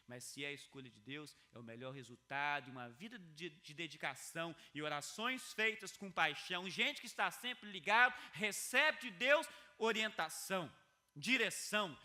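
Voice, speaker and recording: A man delivers a heartfelt sermon as a pastor on video. Key phrases recur often for emphasis, and his voice shifts back and forth between hushed low sections and loud high ones.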